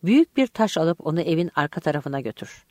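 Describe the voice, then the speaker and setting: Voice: mid-range voice, sing-song, quick pace, darkish tone, no echo, natural voice. A narrator voicing a gaunt young man who speaks bluntly and sounds agitated.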